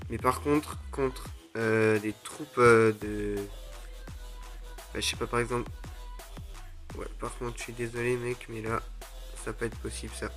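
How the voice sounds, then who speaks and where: A young man commenting live on his own mobile game matches, excitable, groaning and exclaiming at each play. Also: medium pitch, unhurried, long pauses. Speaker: gaming YouTuber. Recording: faint music under the voice.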